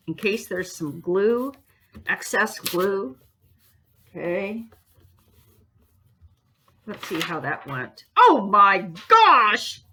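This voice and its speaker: A woman's voice: mid-range voice, a bit bright, a little hiss or hum. A woman teaching a bookbinding class, chatty and encouraging, talking students through each step and humming as she works. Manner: chatty and encouraging, hums and sings while working. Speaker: art teacher. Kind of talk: bookbinding demonstration.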